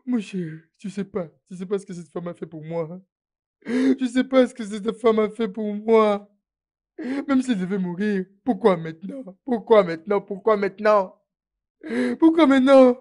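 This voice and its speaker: A man's voice: sits high, normal speed, a little mellow, lightly acted. An actor dubbing a desperate young man who begs and sobs for his dying mother, repeating himself. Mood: sobbing. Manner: pleading, sobbing, repeating himself. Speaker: patient's son. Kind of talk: French dub of a film.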